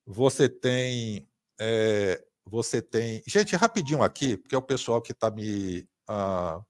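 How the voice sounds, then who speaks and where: A man's voice: lowish voice, animated, slow pace. A man chatting on a livestream in a wry, casual way, often trailing off into fillers.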